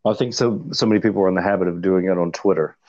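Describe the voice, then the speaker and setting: A man's voice: low-pitched, fairly even intonation, racing, a little mellow. A man co-hosting a casual podcast, laid-back and blunt, telling a crude anecdote. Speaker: podcast co-host. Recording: dull lo-fi sound.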